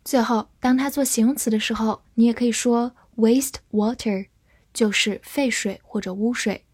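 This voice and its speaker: A woman teaches English vocabulary in a scripted lesson. Her voice sits slightly high with a soft, breathy edge. She moves very slowly and spells out each word. The sound is dry and close. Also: steady tone, no room sound. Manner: slow, deliberate spelling and repetition of English words.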